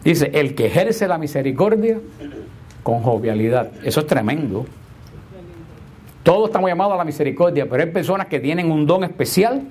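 A man's voice: a little high, a little mellow, husky. Emphatic male preacher. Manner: emphatic, repeats rhetorical questions, shifts between slow stress and quick asides.

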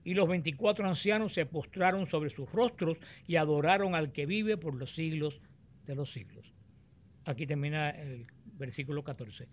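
Man teaching the Bible, higher voice. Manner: explanatory, reads scripture aloud deliberately. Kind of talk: Bible teaching with scripture reading.

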